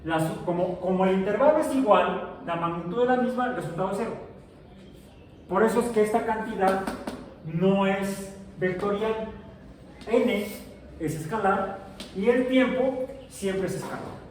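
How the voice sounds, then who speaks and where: Recorded from far off in a reverberant classroom with a little background noise, a middle-aged science teacher keeps things chatty and playful, peppering his students with questions. He has a high voice and a measured pace.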